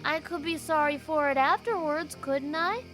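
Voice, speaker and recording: A woman voicing an excitable, cheeky little boy who chatters eagerly and boasts. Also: high voice, moderate pace, soft background music, voice pushed up.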